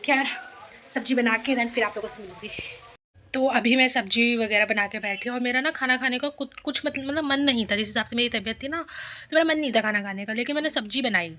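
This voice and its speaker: A woman's voice: a little high, brisk, bright, forceful tone, a little hiss or hum. A young woman vlogging casually from her home kitchen, chatty and rambling, with dramatic complaints. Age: young adult. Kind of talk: casual vlog chat.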